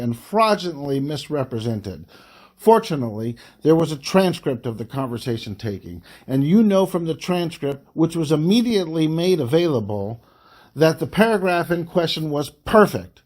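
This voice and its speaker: Reading a formal political letter aloud, a man with a slightly high voice sounds angry and indignant. He speaks emphatically, chopping phrases into short, deliberate pieces.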